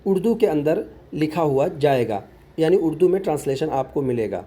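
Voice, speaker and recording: A man's voice: fairly high pitch, expressive, normal speed, dark tone. A man working as an online tutor, patiently explaining a phone app step by step in a tutorial voice-over and repeating words as he goes.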